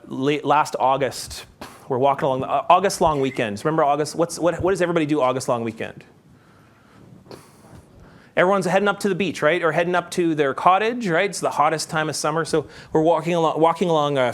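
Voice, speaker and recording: A man giving a public talk, chatty and animated, asking his audience questions as he tells a story. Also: on the high side. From Canada. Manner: conversational, asks the audience, animated when telling stories. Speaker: guest speaker. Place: conference hall.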